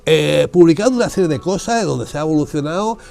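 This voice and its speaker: Older man, animated storyteller. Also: a little high, quick pace, creaky. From Spain (Málaga). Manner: lively, animated, many fillers and asides. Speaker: guest, geographer. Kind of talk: casual conversational storytelling.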